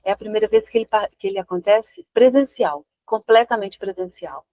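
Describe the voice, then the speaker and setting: Argentine-born woman, 50s, relaxed interview guest with restarts, dull dry audio. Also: mid-range voice, fairly quick, no room sound. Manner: relaxed, searching for words with restarts. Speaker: guest dancer. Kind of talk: casual interview.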